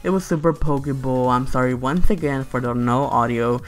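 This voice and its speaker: High-voiced, gushing young-sounding man over music. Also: normal speed. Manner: gushing, excitable, heavy use of "like", "you guys" and "super". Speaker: slime shop reviewer, video host. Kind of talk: casual voice-over product review.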